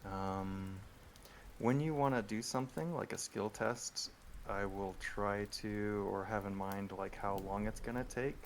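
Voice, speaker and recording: Gravelly man game-mastering over voice chat. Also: fairly low pitch, a little slow, slight background noise. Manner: relaxed, rambling, with many ums. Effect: group voice chat. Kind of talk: running a tabletop horror game.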